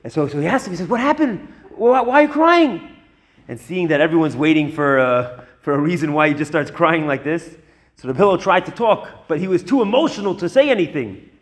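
High-voiced man telling a teaching story. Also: fast. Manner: animated, chatty asides with repeated words. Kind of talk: storytelling lesson.

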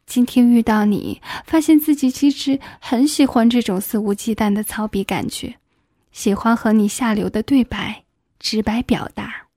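A woman voicing a shy married schoolteacher in an adult audiobook, speaking in a breathy voice that often drops to a whisper. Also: a little high, moderate pace, dark tone, no room sound, clean studio sound, natural voice. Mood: breathy aroused.

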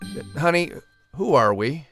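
A podcast co-host with a fairly high, slightly bright voice sounds animated but keeps a measured pace, with faint music behind him. He moves from a scripted introduction into playful, bantering jokes.

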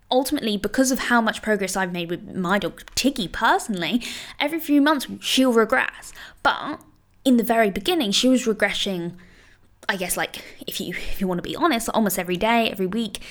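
A woman dog trainer talks through her advice in a loose, chatty way, leaning on "you know" and "like" as she goes. Her tone stays reassuring and encouraging, with a voice at an ordinary middle pitch. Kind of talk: casual advice monologue.

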